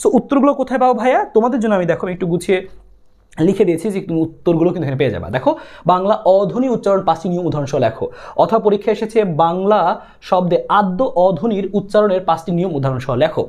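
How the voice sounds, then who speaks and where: A man's voice: sits high, lively intonation, rapid-fire, darkish tone. A young man with a Bangladeshi Bengali accent, coaching students through an exam-prep lesson in an urgent, repetitive, coaxing way. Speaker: tutor.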